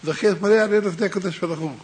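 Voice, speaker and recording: Male preacher, higher-pitched, lively parable-telling sermon, fervent, direct to congregation. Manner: animated storyteller, swings between hushed and raised delivery; addresses listeners directly and fervently. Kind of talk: Torah sermon with a told parable.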